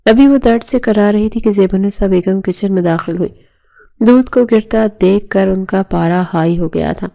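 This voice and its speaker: A woman narrating a romance novel in a steady, even storytelling voice. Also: medium pitch, creaky.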